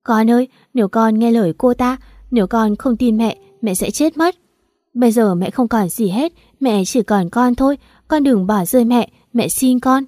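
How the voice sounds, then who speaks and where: A scheming mother who begs in a melodramatic, sobbing way, voiced by a woman reading the story. Her voice is fairly high with a dark, mellow tone. It is recorded dry. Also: moderate pace, no echo, lightly acted. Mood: manipulative.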